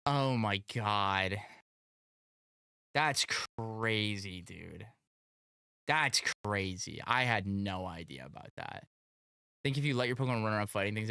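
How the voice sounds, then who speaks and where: A casual live streamer with a bright, mid-pitched voice. The delivery is very animated, slangy and exclamatory. The sound is close and dry. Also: clean tone, no echo.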